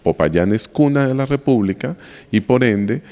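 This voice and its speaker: A man in his forties, a university lecturer and museum guide, gives reflective interview answers inside a room of a colonial house museum, checking in with the listener as he explains. His mid-range voice is expressive, a little slow and a little mellow. The interviewer holds a handheld mic, and the sound is big and roomy.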